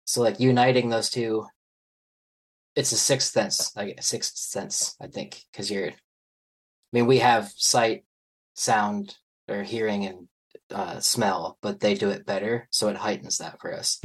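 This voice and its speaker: A man with a husky, breathy voice talks as a podcast guest. He rambles loosely, leaning on fillers and letting sentences fade out softly. It feels like an easy, unscripted chat. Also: lowish voice, steady tone, measured pace, low-quality recording. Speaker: guest anthropologist. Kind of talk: casual podcast conversation.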